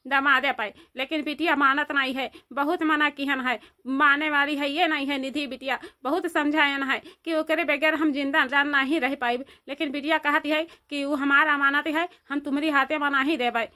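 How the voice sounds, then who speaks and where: A woman's voice: sits high, steady tone, moderate pace, few pauses, pushed and bright. Woman doing a lovesick Awadhi village mother. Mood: pleading. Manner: pleading, rustic dialect. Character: lovesick older village mother chasing her son-in-law. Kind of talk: cartoon voice acting.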